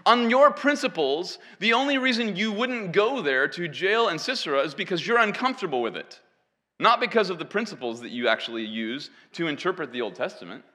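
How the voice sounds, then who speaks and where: Delivering an expository sermon before an audience in a church hall, this man talks briskly with a high-sitting, lively voice that sounds pushed and bright. His style is emphatic, sprinkled with jokes at his own expense, and long reverb fills the recording.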